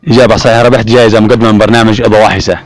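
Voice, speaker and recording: A man's voice: fairly low pitch, level tone, rapid-fire, dry recording. A man hosting a contest show in formal announcer phrasing, calling out questions, winners and prizes. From Yemen. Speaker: host of a Ramadan contest show. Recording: crowd noise behind. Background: crowd of participants.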